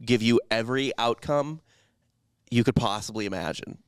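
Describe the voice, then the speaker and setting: A man on a podcast telling a rambling, crude story in a deadpan way during a casual chat. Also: mid-range voice, moderate pace, clear, resonant tone, dry recording, clean studio sound.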